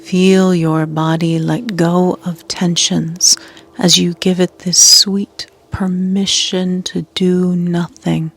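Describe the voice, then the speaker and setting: Guiding listeners through yoga nidra, a woman speaks in a lowish, flat voice. Her hushed, soothing manner has soft breathy edges close to a whisper, and she lets long pauses hang.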